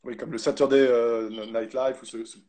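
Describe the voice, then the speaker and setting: A man's voice: mid-range voice, little pitch movement, normal speed, darkish tone. A man interviewing a guest casually over a video call, hesitating and repeating words as he builds his questions.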